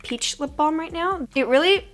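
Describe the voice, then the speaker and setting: A woman's voice: high voice, normal speed. Young woman w a sick frog voice, chatty makeup vlog talk, pokes fun at herself. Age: young adult. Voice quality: froggy, congested sick voice. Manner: chatty, self-deprecating. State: sick with a cold-like hoarseness. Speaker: beauty vlogger. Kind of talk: casual chatty get-ready-with-me talk.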